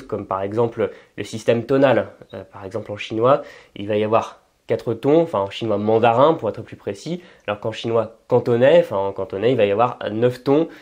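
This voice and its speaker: A man with a fairly low, slightly mellow voice hosts a language-learning channel. A native French speaker, he talks informally as he explains, hesitating and restarting often while he thinks aloud.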